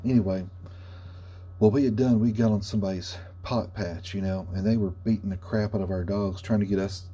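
A man's voice: lowish voice, fairly even intonation, fairly quick, dark tone, breathy edge. A man, telling a casual anecdote in a rambling, folksy, self-correcting way. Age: 40s. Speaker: storyteller. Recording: noticeable background hum and noise.

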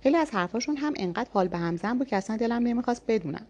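A woman narrating a first-person audiobook story in a calm, even reading voice. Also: a little high, slight background noise.

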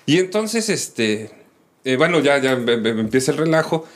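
A man with a Mexican accent casually telling friends about his photography business, in relaxed slang with many fillers. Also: mid-range voice, moderate pace. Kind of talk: casual podcast chat.

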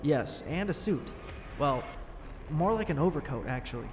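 A man playing a defensive, shaken young man giving witness testimony in an audio horror story, informal and halting. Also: on the high side, expressive, faint music behind, natural voice. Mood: uneasy recounting. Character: defensive, shaken 23-year-old male attack witness.

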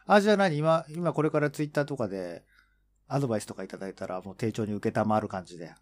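A man co-hosting a casual podcast chat, teasing his partner and quick to push back. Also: mid-range voice, expressive. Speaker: podcast co-host.

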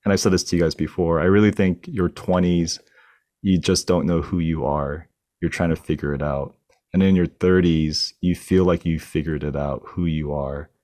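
A man around forty speaks in a very low, deep voice on a casual faith podcast. He is easygoing and reaches for sports comparisons. The recording is dry and close. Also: fairly even intonation, normal speed, dark tone, dry recording. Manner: easygoing, uses sports comparisons, laughs lightly. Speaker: podcast co-host.

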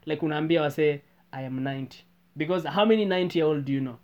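A young host in a casual chat, opinionated and animated when ranting. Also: medium pitch, quick pace, muffled recording. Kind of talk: casual chat mixing English and Sheng.

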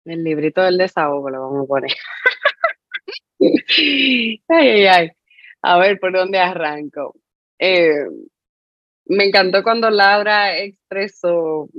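A woman's voice: fairly low pitch, expressive, slow pace, pauses often, dry recording. Female co-host, reflective and rambling, dry close lo-fi sound. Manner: thoughtful, many fillers and restarts. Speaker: podcast co-host. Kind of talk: reflective conversational sharing.

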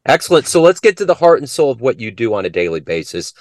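A man's voice: medium pitch, sing-song, fast, no room sound. A man hosting a podcast, asking his guest questions in an eager way. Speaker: podcast interviewer. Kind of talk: interview questions.

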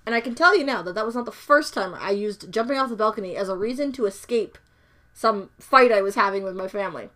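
A woman's voice: mid-range voice, fast talker, a bit bright. A woman telling personal stories in a casual chat, laughing often and using many fillers.

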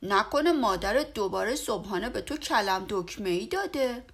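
A woman's voice: medium pitch, lively intonation, husky. A woman doing a blunt young bear cub. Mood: teasing. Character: friendly young male bear.

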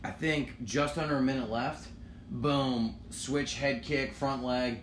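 A young man with a medium-pitched voice tells a rowdy, profane story in casual chat and acts out the loud parts himself. The room has a noticeable echo, and a faint background hum sits under his voice. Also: slow pace. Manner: animated storyteller, swearing, acting out shouts. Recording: echoey room with some noise.

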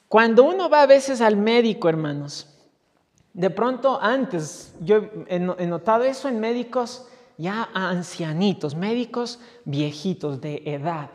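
A woman's voice: medium pitch, lively intonation, measured pace, darkish tone. A woman pastor delivering a sermon in a church, telling stories and often calling the congregation brothers. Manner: addresses listeners as brothers, storytelling, frequent restarts. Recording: reverberant church hall.

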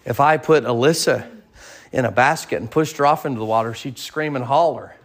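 A man's voice: mid-range voice, a little fast. A male pastor preaching a sermon, telling a story vividly and asking rhetorical questions of the congregation. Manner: vivid storytelling, acts out voices.

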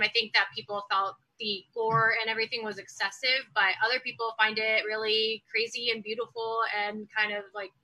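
A woman's voice: a little high, sharp tone, poor audio. A woman on a talk show panel, chatting casually and rambling with many fillers. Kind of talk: casual chat.

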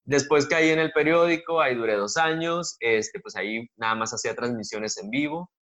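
A man telling his story as a guest in a casual interview, relaxed and joking. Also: mid-range voice, moderate pace. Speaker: guest, comedian and TV worker.

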